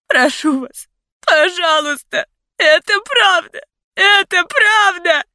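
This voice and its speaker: A woman's voice: extremely high pitch, expressive, takes it slowly, sharp tone, dry recording, clean studio sound, voice pushed up, heavily acted. A woman voicing a desperate young woman, sobbing and pleading in cries as an audiobook character.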